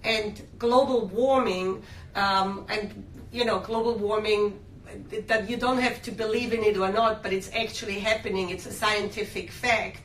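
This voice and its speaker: A woman hosts a skincare sales show, chatty and upbeat, often pausing on fillers. Her voice sits at an ordinary pitch and is picked up from a distance. The room echoes and a faint hum stays behind her. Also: steady tone, fairly bright tone. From Austria. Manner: chatty, enthusiastic sales talk with many fillers. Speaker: skincare brand host. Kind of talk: live shopping-show interview.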